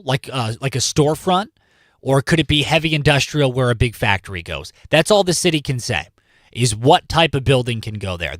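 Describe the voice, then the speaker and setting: With a mid-range, slightly bright voice, a man from California runs a morning news show in a radio studio. He jokes around and explains local happenings by saying things again, and the studio-mic sound is dry and clean.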